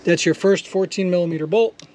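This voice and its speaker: A man's voice: sits high, brisk, a little mellow, a little hiss or hum. Casual DIY man explaining a repair. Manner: casual, step-by-step, swears when frustrated. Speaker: DIY mechanic host. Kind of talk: hands-on repair tutorial. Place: outdoors beside a jet ski.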